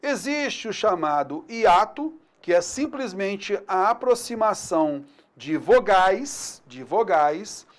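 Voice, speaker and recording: A man's voice: high voice, very animated, slow pace. A man with a Brazilian accent teaching grammar in a recorded online lesson. He talks to the class in an upbeat, informal way and keeps checking in with slang. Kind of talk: recorded online lesson, explaining over slides.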